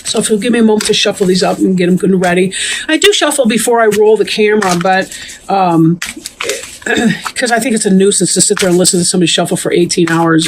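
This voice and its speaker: A woman talks through a tarot reading in a loose, rambling way, with plenty of ums and frequent throat-clearing. She sounds a little short of breath as she goes. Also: fairly low pitch, background noise. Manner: chatty and meandering, clears throat often. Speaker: tarot reader. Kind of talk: casual tarot reading to camera.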